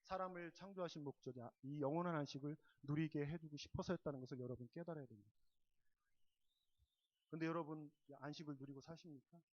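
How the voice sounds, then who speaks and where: A pastor with a fairly high male voice preaches at a midweek prayer service, heard on a slightly dull, lo-fi church recording. He leans hard into key words, then drops to quiet, confiding asides. He keeps pressing the congregation with repeated questions. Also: quick pace. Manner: swings from loud emphatic stresses to soft, low asides. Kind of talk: sermon.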